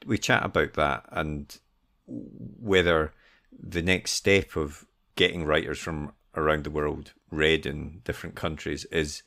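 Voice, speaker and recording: Man, podcast co-host, rambling casual chat, very deep with gravel in it. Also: fairly bright tone. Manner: loose, rambling delivery with many fillers.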